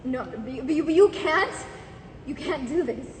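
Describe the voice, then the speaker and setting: A terrified young mother stammers and pleads, her voice very high , as a young woman acts her out on stage. She breaks into sobs as she begs. The sound comes from far off in an echoing school hall. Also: animated, moderate pace, a little hiss or hum. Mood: pleading. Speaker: student performer. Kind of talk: dramatic interpretation monologue.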